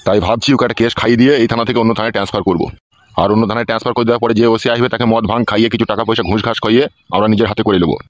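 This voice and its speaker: A man's voice: lowish voice, flat delivery, rapid-fire, natural voice. A man voicing a crooked, scheming politician in a cartoon, with a coarse, bossy manner. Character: crooked small-town male politician, scheming. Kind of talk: cartoon voice acting. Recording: dull lo-fi audio.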